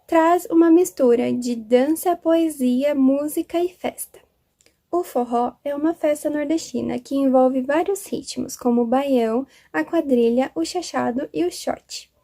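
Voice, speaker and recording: High, mellow young woman reading. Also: measured pace. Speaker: student presenter. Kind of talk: reading a prepared school text.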